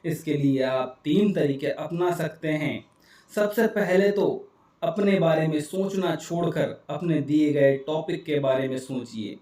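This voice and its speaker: A man calmly explaining a book summary in scripted narration, speaking straight to the viewers. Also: on the high side, a little slow, reverberant, far from the mic. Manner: calm, explanatory, addresses viewers directly.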